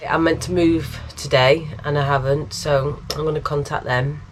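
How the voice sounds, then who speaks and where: Low and steady, at a moderate pace, the voice belongs to a woman sharing casual vlog chat on and around her canal narrowboat. She is talkative and self-deprecating, laughs frequently, and sounds stuffed up with a cold, while a little hiss or hum sits under the audio.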